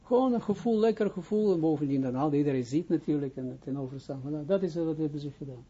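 Male rabbi, informal lesson, husky voice, fairly high pitch, halting, checks understanding, dull lo-fi recording. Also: mellow. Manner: halting, restarts phrases, keeps checking understanding. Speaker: rabbi teaching Kabbalah.

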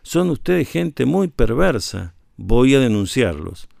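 A man reading aloud, voicing an insistent male slave in a storybook tale, pitching up to plead and accuse. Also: sing-song, slow, gravelly, a little mellow, no echo, studio quality, heavily acted. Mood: accusing. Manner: insistent, raised voice.

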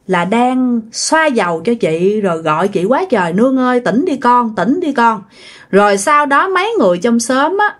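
A woman telling a ghost story in a chatty, folksy way. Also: on the high side. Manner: chatty, folksy, acts out quoted voices. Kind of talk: casual ghost story narration.

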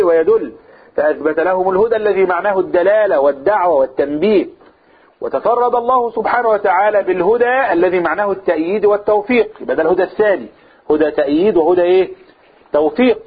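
A man's voice: sits high, slightly rough. A man with an Egyptian Arabic accent, teaching a Quran commentary lesson. He explains by asking his own questions and answering them. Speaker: religious teacher. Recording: tinny phone-like sound.

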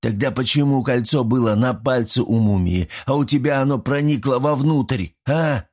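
A man's voice: mid-range voice, darkish tone, breathy edge, voice pushed up, close to an everyday voice. A man voicing a cheeky, pushy little male gremlin who scolds and argues in an audiobook. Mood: badgering. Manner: bossy, scolding, quick to argue. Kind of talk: audiobook character voice.

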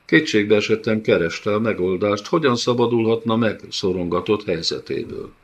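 A man narrating an audiobook in a measured, dramatic way. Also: lowish voice, lively intonation. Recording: dull lo-fi audiobook recording.

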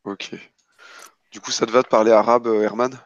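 A man improvising narration as a tabletop game master, casual and halting, often repeating words as he goes. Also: on the low side, little pitch movement, no room sound, muffled recording.

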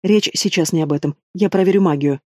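A man's voice: high voice, a little fast, dark tone, no room sound. A man reading an audiobook, voicing a frightened young princess who talks in a trembling, pleading way. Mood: anxious.

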